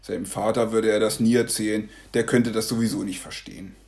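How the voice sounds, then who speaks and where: A man narrating a devotional story in a calm, measured way. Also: on the low side, creaky.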